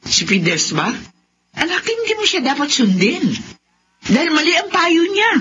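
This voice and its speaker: A woman's voice: extremely high pitch, very animated, measured pace, fairly bright tone, exaggerated voice. An actress playing an anxious, fretful middle-aged Filipino mother in an old-style radio drama. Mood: worried. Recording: dull, faintly noisy radio drama recording.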